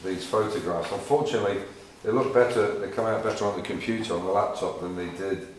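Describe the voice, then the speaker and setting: A middle-aged man from England, with an English accent and a low voice, talks at a quick pace about his car work, using lots of fillers and repeated words. He's a car restorer vlogger making a casual workshop vlog in an echoey garage with faint noise.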